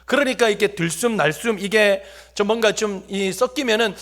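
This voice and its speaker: High-voiced preacher. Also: male voice, moderate pace, fairly bright tone. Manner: jokey, talks directly to the congregation. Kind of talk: humorous sermon storytelling. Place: church sanctuary.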